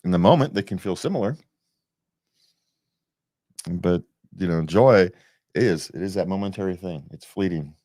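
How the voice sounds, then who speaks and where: A man's voice: deep voice, expressive, normal speed, pauses often, a little mellow, dry recording, studio quality. A man hosting a relationship podcast in a casual, rambling, self-deprecating way, chuckling as he talks. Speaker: podcast host.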